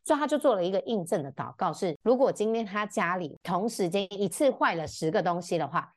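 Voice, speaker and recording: A woman talks as a podcast guest, recounting a personal story in a relaxed, conversational way. Her pitch sits mid-range but swings widely, and she slips into other people's voices whenever she quotes them. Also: fast talker. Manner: animated, acts out quoted dialogue in varied pitch. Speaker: podcast guest, brand founder. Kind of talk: casual storytelling chat.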